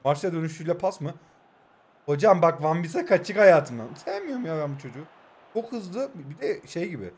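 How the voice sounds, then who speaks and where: High-voiced joking young Turkish gamer. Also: male voice, brisk, slightly rough. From Turkey. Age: 20s. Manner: joking, self-mocking chatter that jumps into excited play-by-play. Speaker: mobile football gaming YouTuber. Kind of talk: live gameplay commentary.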